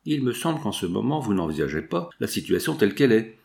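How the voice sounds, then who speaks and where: A man reading the part of a formal, cautious gentleman who speaks in a measured way. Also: fairly low pitch, sing-song, creaky.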